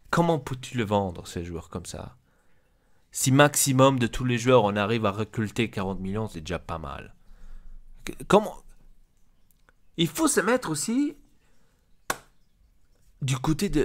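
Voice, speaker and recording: A man's voice: medium pitch, sing-song, measured pace, long pauses. A man ranting casually as a football vlogger, exasperated and crude.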